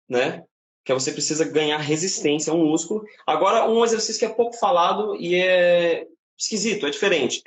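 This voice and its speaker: A man with a Brazilian Portuguese accent giving a casual live-stream singing lesson from home, explaining in a relaxed way with frequent tag questions. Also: fairly high pitch, roomy sound. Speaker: singing teacher. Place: home, indoors.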